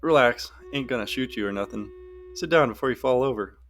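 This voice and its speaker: A woman's voice: extremely low pitch, brisk, music in the background. A man voicing a tough, sarcastic country woman with a lazy Southern drawl, read from a story. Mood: teasing.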